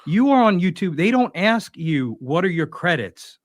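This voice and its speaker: A man's voice: high-pitched, very animated, normal speed, dry recording. A young man hosting a show, reacting to a clip with sarcastic, mocking commentary. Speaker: host.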